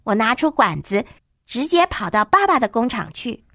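A woman reading a children's story aloud in a gentle, expressive way. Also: fairly high pitch, normal speed, dry recording, clean studio sound.

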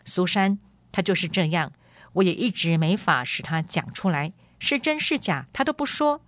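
A woman's voice: lowish voice, expressive, moderate pace, a bit bright, no echo. A woman voicing an exasperated young king in a radio audiobook, speaking in a raised, complaining tone.

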